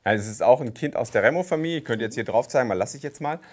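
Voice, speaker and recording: A man, an investigative journalist, telling stories in a casual podcast chat with lively hesitations. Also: medium pitch, racing.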